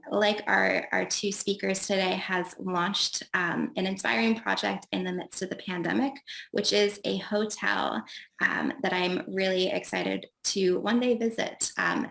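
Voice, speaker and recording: A woman's voice: mid-range voice, gravelly, a bit bright. A woman hosting an online panel, introducing speakers in an upbeat tone with frequent "um" fillers over a video call. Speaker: host and event organizer. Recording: echoey room.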